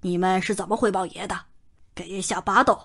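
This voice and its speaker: A woman's voice: medium pitch, steady tone, a little fast, vocal fry, fairly bright tone. Woman putting on an angry qing prince, raised voice, cold sneering threats, audiobook. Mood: furious scolding. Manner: cold, scornful scolding. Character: stern, furious young male Qing prince. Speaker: audiobook narrator.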